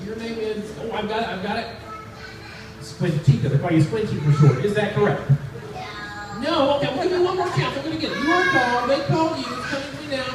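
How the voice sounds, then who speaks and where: Over music, a very high-voiced man talks quickly as host of a children's magic show performed live. His patter is theatrical and teasing, full of repeated lines and drawn-out build-ups aimed at the crowd. The sound is distant, noisy and full of echo.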